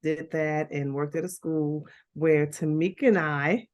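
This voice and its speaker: Over lo-fi sound, a middle-aged guest from Liberia, the founder of a school, talks casually about her life, laughing and restarting as she goes. Her low voice is a little mellow, unhurried and fairly even in intonation.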